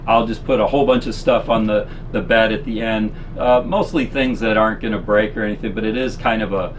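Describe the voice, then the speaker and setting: Male RV vlogger, lowish voice, folksy explainer doing a casual demo inside a small camper, clear background noise. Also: steady tone, fairly quick. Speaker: presenter of RV living gear tips. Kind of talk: casual product demonstration. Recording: constant air-conditioner-like background noise.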